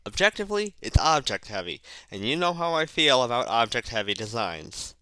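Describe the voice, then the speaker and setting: A man with a bright, forceful voice and a noticeable lisp delivers casual video commentary, stressing words in unexpected places. He is sardonic and swears freely. The sound is clear and dry, recorded close on a headset. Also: medium pitch, sing-song, normal speed, no room sound, low-quality recording. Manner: puts odd emphasis on random words. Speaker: video narrator and reviewer. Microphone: cheap headset mic.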